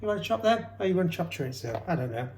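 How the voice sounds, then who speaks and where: A man's voice: high-pitched, very animated, racing. A man co-hosting a cooking demonstration at home, chatting and teasing while he chops. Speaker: cooking show co-host. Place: home kitchen. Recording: echoey kitchen with background noise. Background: chopping sounds.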